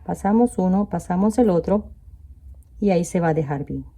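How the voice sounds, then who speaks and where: A crochet instructor leads a step-by-step tutorial, counting stitches out loud and checking in with viewers by asking "¿ven?". Her voice is on the low side and warm, at a moderate pace.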